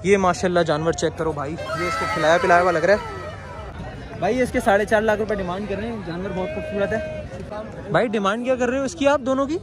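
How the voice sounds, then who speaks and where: A high-pitched young man vlogs excitedly as he walks through an outdoor cattle market. He keeps bantering with sellers and letting out loud exclamations, and a busy crowd chatters all around him. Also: a little fast, noisy background. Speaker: vlogger. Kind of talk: walking cattle-market vlog.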